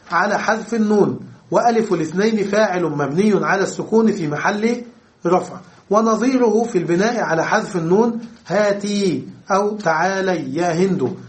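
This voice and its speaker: A man lecturing on grammar in a fairly high voice. He goes over each term again in other words and checks that his listeners follow. His delivery is patient and explanatory. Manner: repeats and rephrases terms to explain them, checks understanding. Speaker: Arabic grammar teacher.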